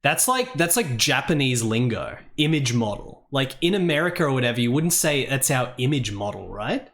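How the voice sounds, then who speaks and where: Brief: male game streamer, casual and profane, mid-pitched and conversational. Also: big pitch swings, normal speed, fairly bright tone. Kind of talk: casual live-stream commentary.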